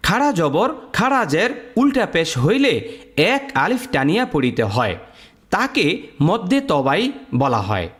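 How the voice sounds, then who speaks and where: A man's voice: high-pitched, very animated, normal speed, fairly bright tone. A man teaching Quran recitation rules step by step, drilling letter sounds in a sing-song, teacherly way. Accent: Bangladeshi Bengali. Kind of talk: step-by-step lesson.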